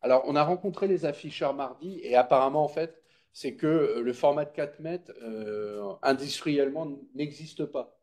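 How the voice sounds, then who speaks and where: Speaking at a normal speed with a fairly high pitch, a man with a mellow, soft-edged voice presents at a public meeting. His style is informal and didactic; he addresses listeners directly and checks they're following.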